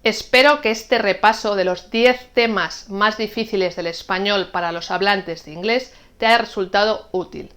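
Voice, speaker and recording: A woman from teaching an online Spanish lesson, explaining rules clearly and patiently and saying example words slowly. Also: medium pitch, fairly bright tone.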